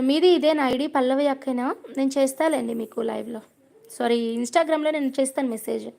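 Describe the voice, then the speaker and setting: A woman's voice: high voice, gravelly, a little mellow. A young woman hosting a devotional livestream from home on her phone, chatting casually, telling stories and reading viewer comments aloud. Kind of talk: casual live chat with viewers. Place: home prayer room.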